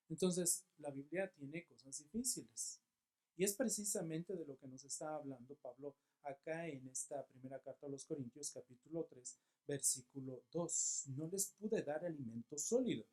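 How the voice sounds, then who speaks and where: A man with a Mexican accent preaches a church sermon. He poses rhetorical questions and answers them himself. He drives points home through repetition, his volume swinging between loud and soft. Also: a little high. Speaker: pastor.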